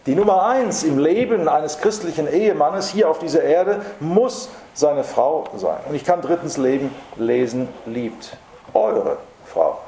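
A man preaching a sermon, earnest and emphatic, slowing down to stress repeated phrases. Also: fairly high pitch, gravelly, warm tone. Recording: roomy hall with faint background noise.

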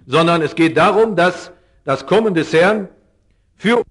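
A middle-aged man preaching a sermon in an earnest way, his voice rising and falling, and slowing down on key words. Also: expressive, husky. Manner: earnest, rises and drops in pitch and loudness.

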